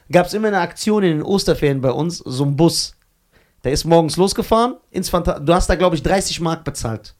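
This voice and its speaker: A man co-hosting a podcast, telling stories in casual chat and swinging between loud outbursts and quiet asides. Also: a little high. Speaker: podcast co-host.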